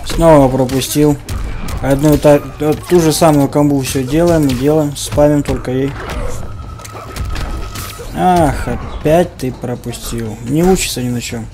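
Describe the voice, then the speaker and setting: A man's voice: fairly high pitch, fairly even intonation, a little slow, dark tone. A man giving casual gameplay commentary in short, informal, slangy reactions. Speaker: gamer. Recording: game music behind the voice. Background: game music.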